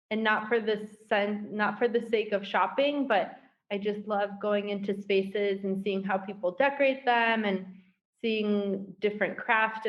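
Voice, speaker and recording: A woman's voice: medium pitch, muffled recording. A woman from the United States, chatty and upbeat, laughing easily as a guest in a casual video-call interview.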